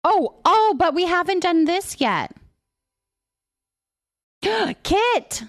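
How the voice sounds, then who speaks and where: A very high-pitched, very animated woman draws out her words while livestreaming. She gabs with her audience in a giggly, meandering way, reading and answering their messages.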